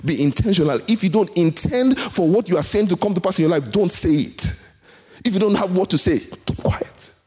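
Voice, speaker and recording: A man preaching a sermon, emphatic, repeating his phrases and dropping from loud bursts to hushed lines. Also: sits high, lively intonation, brisk.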